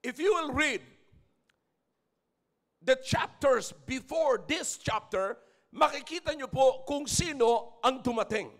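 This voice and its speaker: Filipino male pastor, very high voice, bilingual sermon, shouts for emphasis. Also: expressive, slow pace. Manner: mixes English into Tagalog preaching, builds to shouts.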